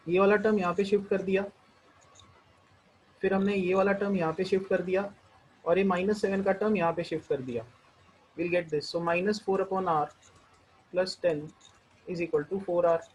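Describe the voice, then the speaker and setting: Higher-pitched Indian male math tutor. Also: slight background noise, rough recording. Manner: explains step by step, mixing Hindi and English; slows down when reading out equations. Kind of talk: online math lesson.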